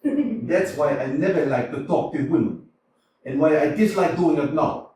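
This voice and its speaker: An actor in a community staged reading plays a furious, blustering middle-aged landowner hunting down a debt, ranting as he lurches between muttering and bellowing on a small theater stage. His high, natural voice is animated and swings wildly at normal speed. He sounds far from the mic in a very echoey room with a faint hiss.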